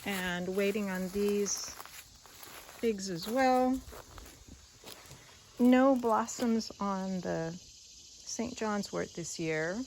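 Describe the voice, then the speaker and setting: Walking around her garden outdoors, a woman vlogger chats without a script, musing, rambling and trailing off as she points things out. Her medium-pitched, darkish voice draws out words with long pauses. The audio is poor, with faint crickets and insects in the background.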